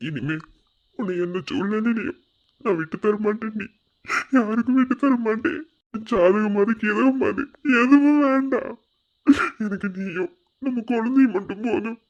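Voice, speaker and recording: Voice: mid-range voice, normal speed, long pauses, lightly acted. A performer voicing a remorseful young village husband in a cartoon, pleading and self-blaming, with a Madurai Tamil accent. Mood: devoted. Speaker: cartoon character. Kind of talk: emotional cartoon drama dialogue. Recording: dull lo-fi sound.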